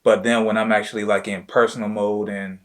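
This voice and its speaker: A man with a fairly low voice hosts a relaxed conversation. He talks loosely and informally, with plenty of "you know" and "like" fillers, in an easygoing chat style. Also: fairly quick. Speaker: host, entrepreneur. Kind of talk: casual chat with his wife.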